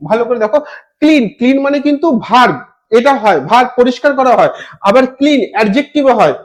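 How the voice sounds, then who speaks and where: A man's voice: very high-pitched, lively intonation, fast talker. A young man teaching an exam-prep grammar lesson, repeating each rule and spelling words out letter by letter. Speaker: English teacher.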